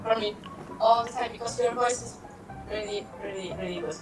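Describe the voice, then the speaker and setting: A woman's voice: mid-range voice, brisk, over music, poor audio. A young woman from Poland, giving shy, brief replies in a video chat. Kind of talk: casual video-chat conversation. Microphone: video call.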